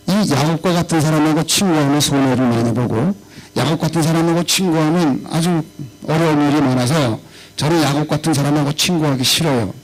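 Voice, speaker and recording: A middle-aged pastor with a Chungcheong accent delivers a lively revival sermon in a fairly high voice. He acts out quoted voices and swings between raised and low tones. A faint electrical hum sits under his voice. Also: poor audio. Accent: Chungcheong Korean. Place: church revival meeting hall.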